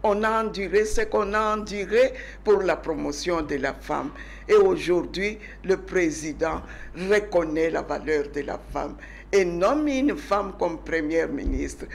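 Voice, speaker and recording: An older woman from Congo, a guest telling her story in a TV interview, emphatic at times and dropping to soft murmurs at others. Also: on the low side, lively intonation, measured pace, creaky, slight background noise.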